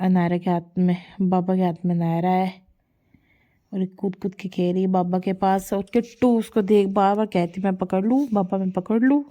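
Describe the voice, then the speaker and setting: Her voice is lowish and warm, heard through lo-fi sound, as this vlogging mom chats her way through a voice-over of her kids' antics. She dotes, rambles, and repeats herself while narrating the family footage.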